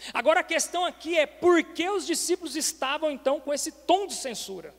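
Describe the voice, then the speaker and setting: Male pastor, very high voice, preaching with rhetorical questions, church hall with long reverb. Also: fairly quick. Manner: preaching with rhetorical questions, repeatedly addressing "irmãos". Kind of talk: sermon.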